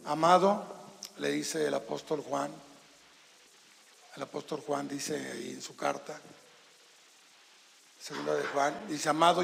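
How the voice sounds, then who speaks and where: A man's voice: a little high, vocal fry, fairly bright tone, big-room sound, a little hiss or hum. A man with a Mexican accent, a pastor preaching a sermon on a handheld microphone in a church, emphatic and calling out questions to the congregation. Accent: Mexican Spanish. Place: church sanctuary.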